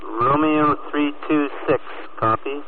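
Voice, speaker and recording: A man's voice: fairly high pitch, takes it slowly. A man on a boat calling in over a crackly two-way radio transmission, repeating call signs in clipped, formal radio procedure. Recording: crackly narrow-band radio with static.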